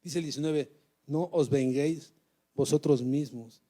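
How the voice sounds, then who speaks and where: A man preaches in a church, his voice mellow and warm, sitting a little high for a man. He exhorts and keeps turning to the congregation with questions. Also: measured pace. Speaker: pastor. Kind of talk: sermon.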